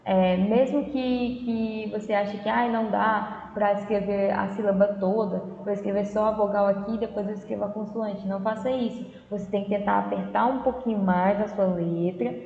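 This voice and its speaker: Gravelly-voiced woman teacher, echoey room. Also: mid-range voice, fairly even intonation, moderate pace, hardly any pauses, mellow. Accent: Brazilian Portuguese. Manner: patient, explanatory, frequent "tá bom?" checks. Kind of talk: remote class lesson. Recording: echoey room, dull lo-fi audio, faint noise.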